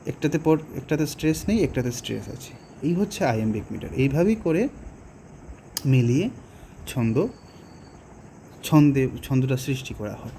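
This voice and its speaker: A man with a Bengali accent explaining a poem to students, slowly and patiently, with pauses and rhetorical questions. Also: medium pitch, sing-song, dark tone, a little hiss or hum. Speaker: teacher. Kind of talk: poetry lesson explanation.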